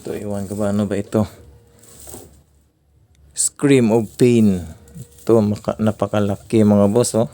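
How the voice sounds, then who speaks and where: A man from the Philippines casually unboxing fireworks for his vlog, naming each item slowly with frequent chuckles. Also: lowish voice, monotone, mellow. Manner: slow, drawn-out naming of items, frequent chuckles. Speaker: fireworks vlogger.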